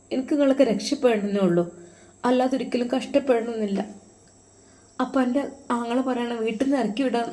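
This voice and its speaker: A caring elder sister-in-law, as a woman storyteller puts her on, speaks with a Malappuram accent. Her voice sits a little high, and her talk is pleading and tearful. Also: warm tone, close to an everyday voice. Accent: Malappuram Malayalam.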